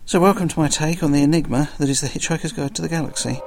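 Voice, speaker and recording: A man's voice: on the high side, rapid-fire, gravelly, loud music behind the voice, poor audio. A man with a South London accent hosting a podcast solo, chatting casually in a dry, self-deprecating way. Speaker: guest podcast host.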